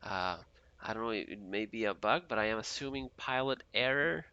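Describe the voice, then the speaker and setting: Gravelly, bright-voiced man from Mexico streaming. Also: fairly low pitch, animated, a little fast, lo-fi sound. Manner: chatty, reads viewer messages aloud, laughs often. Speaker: flight sim streamer. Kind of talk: casual live-stream commentary reading chat.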